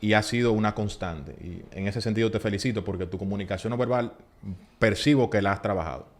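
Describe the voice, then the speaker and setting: Animated man coaching public speaking. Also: fairly low pitch, quick pace. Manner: animated, emphatic, acts out little quoted scenes. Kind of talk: casual advice in a podcast chat.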